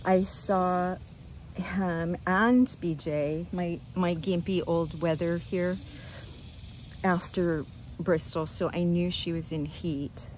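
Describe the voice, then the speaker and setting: Slow, low, mellow-voiced older woman rambling. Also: steady tone, slight background noise, low-quality recording. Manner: rambling, gentle, loses her train of thought. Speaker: goat rancher. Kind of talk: casual farm vlog chat. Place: outdoors on a farm.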